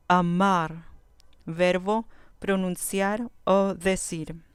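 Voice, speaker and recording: Slow, clear woman teaching vocabulary. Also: medium pitch, no echo. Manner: slow, careful, repeats each word. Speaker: Biblical Hebrew teacher. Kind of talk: vocabulary lesson.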